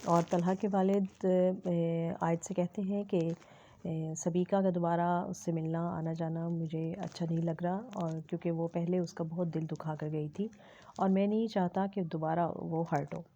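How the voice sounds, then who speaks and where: A woman with a low, mellow voice talks through the plot of a TV drama episode in a relaxed, conversational way. She pauses often, filling the gaps with drawn-out hesitation sounds. The recording is a little dull and lo-fi. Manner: hesitant, many filler sounds, unhurried. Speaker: drama review presenter. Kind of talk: casual retelling of a TV episode.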